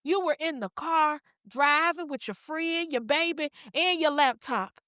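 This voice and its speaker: Woman, high voice, emotional, affectionate, folksy, dry close sound. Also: a little slow, pushed and bright, no echo. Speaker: podcast host. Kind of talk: heartfelt casual chat.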